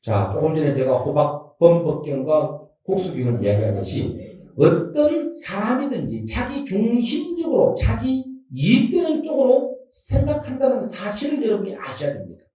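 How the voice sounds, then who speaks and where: A man with a Gyeongsang accent giving a folksy, lively Buddhist sermon, asking the audience questions and acting out everyday quarrels. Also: high-pitched, normal speed. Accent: Gyeongsang Korean. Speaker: Buddhist monk giving a dharma talk. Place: temple dharma hall. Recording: distant mic in a roomy temple hall.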